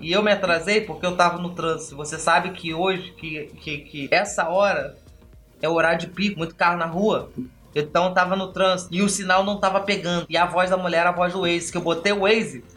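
Lively Brazilian-style podcast storyteller man. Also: high voice, brisk. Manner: lively, acts out dialogue. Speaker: podcast host and trainer. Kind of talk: storytelling talk.

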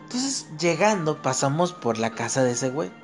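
A man, hosting a podcast and telling an anecdote in a slangy, animated way. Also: normal speed, soft background music. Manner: slangy, animated, shifts into high squeals when quoting others. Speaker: podcast host. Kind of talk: casual storytelling chat.

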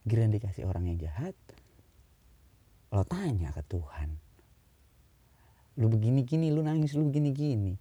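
A young man giving casual relationship advice in slangy chat, his pitch jumping up when he stresses a point. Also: warm tone, husky, dry recording.

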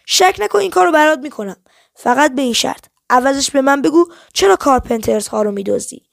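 A woman's voice: high-pitched, lively intonation, vocal fry, dry recording, clean studio sound. A woman reading as a stubborn young detective. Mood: firm. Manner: firm and insistent.

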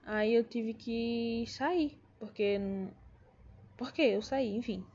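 A woman's voice: on the high side, slow pace, dark tone. A young woman with a Brazilian Portuguese accent, chatting to viewers in a casual, rambling way, full of slang and restarts. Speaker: vlogger. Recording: dull lo-fi sound.

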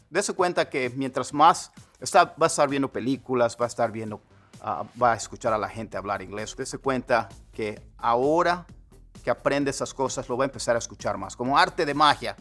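A man, a native Spanish speaker, teaching English phrases, repeating words slowly so learners can copy them. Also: medium pitch, fairly bright tone. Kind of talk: Spanish-language English lesson.

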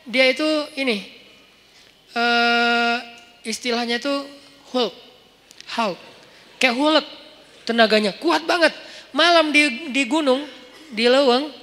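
Male preacher with a lilt, storytelling sermon, acts out voices, bright tone, echoing hall. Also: very high voice. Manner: animated, acts out dialogue with shifting voices. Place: large mosque hall. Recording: long hall reverb.

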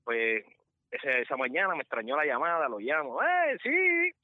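A man's voice: medium pitch, a little fast, dry recording. A man telling funny work stories on a podcast, animatedly acting out the people in them. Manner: animated, acts out other people's voices. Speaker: podcast guest storyteller. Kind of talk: comic storytelling. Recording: slightly dull, dry podcast mic.

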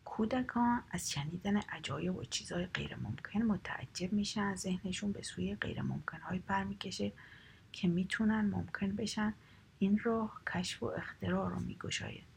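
A woman reading a children's story aloud in a soft, half-whispered storytelling voice. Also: medium pitch, gravelly, slightly rough.

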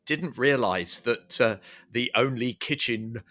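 A man co-hosting a travel podcast, laughing easily and pausing with many ums and uhs. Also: mid-range voice, sharp tone. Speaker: podcast co-host. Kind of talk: casual podcast chat.

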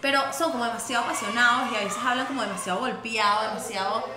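Woman cohost, high bright voice, lively questions, echoey room. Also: fast talker, background noise. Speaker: co-host. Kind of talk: casual chat.

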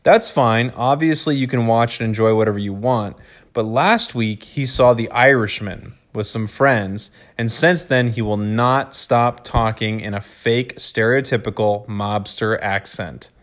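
Podcast co-host, man, easygoing and conversational, middle pitch. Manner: relaxed, drops quick joke voices. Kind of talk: casual chat, reading a listener letter.

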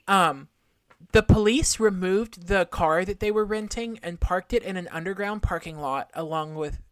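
With a fairly low pitch and normal pace, a woman hosting a podcast works through a true-crime story from her notes. Her style is conversational, with casual asides and some difficulty pronouncing Rs, and there's no echo.

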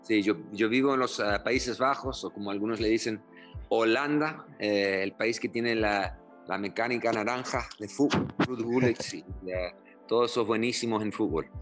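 A middle-aged man from Chile speaking as a pastor in an interview, with a low-pitched voice. He tells his story earnestly, pausing often and restarting his sentences with fillers. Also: a bit bright, soft background music. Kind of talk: interview testimony.

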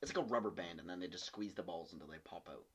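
A man's voice: sits low, rapid-fire, husky. A young man co-hosting a casual podcast, joking and laughing often. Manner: giggly, jokey, laughs often. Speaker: podcast co-host. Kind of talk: casual chat.

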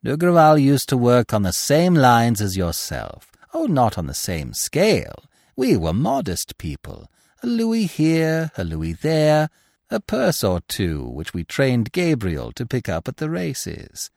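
A man puts on a scheming widow thirsting for revenge, gloating over a trapped enemy. Her voice swings wildly between shrill heights and hushed lows, every syllable pressed hard. The sound is close and dry, with no room around it. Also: wildly swooping pitch, measured pace, gravelly, no room sound, exaggerated voice. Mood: boastful.

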